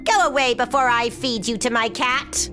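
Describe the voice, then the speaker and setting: A woman's voice: a little high, fairly even intonation, moderate pace, a bit bright, soft background music, natural voice. A woman voicing a small, greedy and cruel male doorkeeper in a told story, sneering and hissing.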